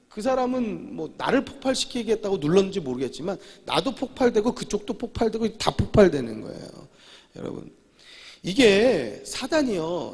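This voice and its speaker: A male pastor delivers an emphatic sermon, circling back on repeated phrases and rising to sudden loud declarations. His voice sits a little high and carries a gravelly, husky edge. The church sanctuary around him rings with a long reverb.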